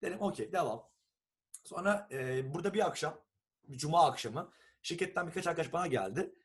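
A young man from Turkey, telling a long story in a casual, animated chat and acting out what people said. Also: on the high side, fairly quick, husky. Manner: animated storyteller who acts out quoted texts and swears casually.

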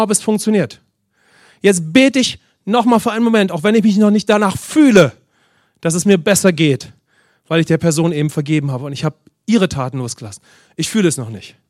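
Guy preaching a sermon, lots of amens, kinda high voice, dry close sound. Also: darkish tone, dry recording. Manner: preaching with frequent amens and questions to the congregation; reads scripture slowly with rising emphasis. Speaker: pastor.

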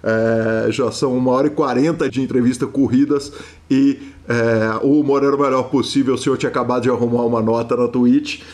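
Male podcast host, courteous and formal with playful asides, mid-pitched voice. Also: fairly even intonation, brisk, darkish tone. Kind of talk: interview hosting.

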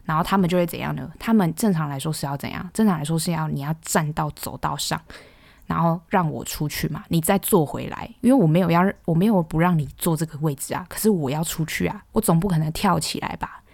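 A young woman with a Taiwanese Mandarin accent, hosting a podcast and ranting in a casual, exasperated, animated way. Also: sits low, quick pace, creaky, no echo. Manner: exasperated, animated, exclaims loudly. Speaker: podcast host.

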